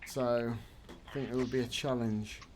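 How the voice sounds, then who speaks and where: A man's voice: medium pitch, steady tone, moderate pace, noisy background. A man streaming a ghost-hunting game, chatting casually with wry, understated remarks while he explains the rules. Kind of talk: casual gameplay chat.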